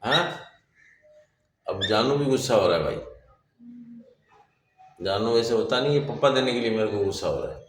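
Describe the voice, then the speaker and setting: A man vlogging about his pet birds, coaxing them slowly and fondly while he talks to viewers. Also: on the low side, very animated, roomy sound, slight background noise. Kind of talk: casual vlog talk to viewers. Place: hot home space with bird cages.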